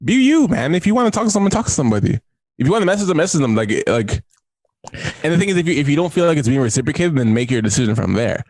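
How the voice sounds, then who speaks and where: A man co-hosting a casual chat over a video call, animated, often laughing and repeating himself. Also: a little high, very fast, no room sound. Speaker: podcast co-host.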